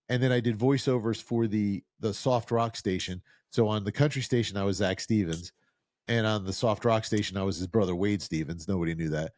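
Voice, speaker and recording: Recorded cleanly in a studio with no room sound, this middle-aged man from New Jersey has a mid-range, slightly mellow voice. As a podcast co-host, he tells long stories at his own expense in relaxed conversation, mimicking others with put-on voices.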